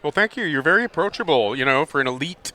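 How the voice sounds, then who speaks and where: Bright-voiced chatty man hosting. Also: on the high side, lively intonation, fast, no echo. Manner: friendly, chatty, curious. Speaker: podcast host. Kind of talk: casual interview chat. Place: expo booth.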